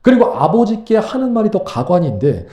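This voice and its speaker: A man preaching a sermon as pastor, animated and full of rhetorical questions. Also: high-pitched, normal speed, reverberant. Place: church sanctuary.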